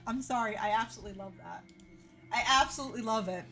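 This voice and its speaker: A woman's voice: on the high side, fast talker, bright, forceful tone, soft background music. A young adult woman chatting casually with her live stream audience, laughing easily. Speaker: game streamer. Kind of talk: casual livestream chat.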